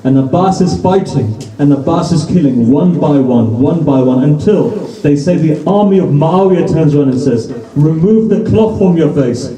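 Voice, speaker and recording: Dark-voiced man preaching from afar. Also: a little high, normal speed, hardly any pauses. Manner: emotive, dramatic retelling in short lines. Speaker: majlis preacher. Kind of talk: sermon storytelling. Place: gathering in a private home. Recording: roomy sound from a distant mic.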